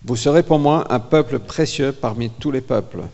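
A man preaching a sermon in short phrases that pause for an interpreter, dramatic and lively, acting out the voices of the people. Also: medium pitch, lo-fi sound. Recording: reverberant church hall.

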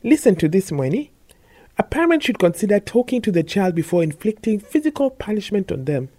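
A woman's voice: mid-range voice, big pitch swings, a little fast, dark tone. An actress voicing a playful, dramatic young woman soldier in an audiobook. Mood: teasing. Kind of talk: audiobook dialogue.

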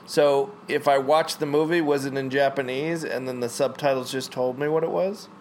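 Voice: medium pitch, steady tone, moderate pace, darkish tone, slight background noise. Wry voice sharing fun facts. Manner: wry, joking, trivia-sharing. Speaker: co-host watching a movie. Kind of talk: casual chat.

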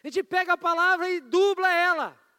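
A man's voice: very high-pitched, steady tone, normal speed, sharp tone. A man with a Brazilian Portuguese accent preaching a sermon in a casual, conversational way, often prompting the congregation. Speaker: pastor. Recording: long church-hall reverb.

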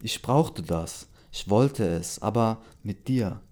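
Ein Mann liest die Rolle eines jungen Freundes, der ruhig beschwichtigt und um Verzeihung bittet. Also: male voice, fairly low pitch, slow pace. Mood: pleading. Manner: calm, pleading. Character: young man, boyfriend pleading and soothing.

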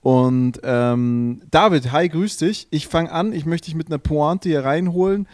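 A man's voice: a little high, measured pace, no room sound, studio quality. A man co-hosting a casual podcast, telling stories with jokes and plenty of swearing. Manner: joking, swears freely, animated storytelling. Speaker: podcast co-host.

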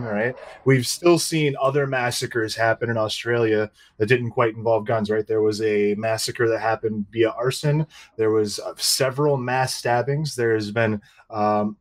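A man on a casual panel, explaining at length in a steady way and often tagging his points with "right?". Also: medium pitch. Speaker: panel co-host.

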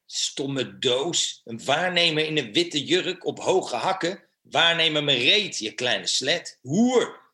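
A man's voice: on the high side, animated, takes it slowly, pushed and bright, heavily acted. An actor playing a crude, brutal male riot police officer who barks vulgar orders. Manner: barking, vulgar.

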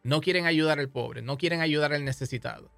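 A man's voice: fairly high pitch, a little fast, vocal fry, fairly bright tone, no room sound, soft background music. A man with a Puerto Rican accent hosting a podcast, delivering an impassioned, scolding political monologue. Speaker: podcast host.

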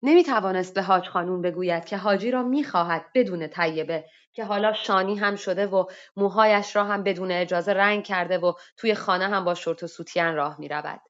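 A woman reading a literary story aloud in a steady, measured way in an online audio room. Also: lowish voice, highs cut off. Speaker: reader.

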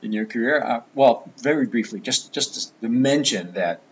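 A man's voice: mid-range voice, expressive, normal speed, muffled recording, slight background noise. A man hosting an interview, guiding his guest with brief, attentive prompts.

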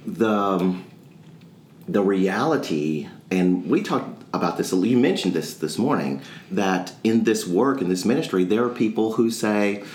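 A man with a deep voice chats casually as a pastor and podcast co-host. He speaks in a reflective, halting way. The recording is echoey, with faint noise behind him. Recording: roomy echo with faint background noise.

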